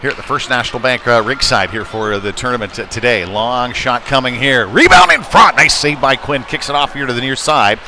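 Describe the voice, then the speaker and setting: A play-by-play commentator calls a live youth hockey game from rinkside at an indoor arena, with noisy rink ambience behind him. His medium-pitched voice is brisk with few pauses, conversational and hesitant, rising excitedly whenever there's a shot.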